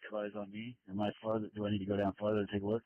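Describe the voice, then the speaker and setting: A man's voice: fairly low pitch, monotone, very fast. A man working as a firefighter, talking in radio traffic over a two-way radio. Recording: muffled lo-fi radio transmission.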